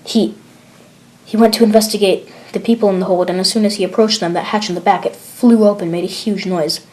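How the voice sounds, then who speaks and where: A worn-out male soldier, stranded and hushed, recounting over the radio, as a woman reads him. Tired and low, in an amateur horror audio log. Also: fairly even intonation, fairly quick, natural voice, low-quality recording. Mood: weary.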